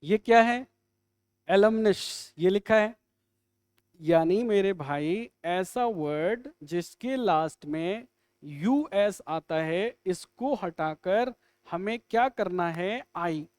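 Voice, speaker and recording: A man teaching English in a live online exam-prep lesson, quizzing students with quick questions and jokes. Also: high-pitched, animated, a little mellow, clean tone, dry recording.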